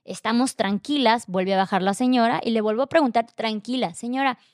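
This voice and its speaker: Young Mexican woman, Mexican Spanish accent, animated storyteller, slightly high voice, dry close sound. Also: a little fast, no room sound. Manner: animated, acts out quoted voices, lots of fillers. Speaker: podcast guest telling her story. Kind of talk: casual conversational storytelling.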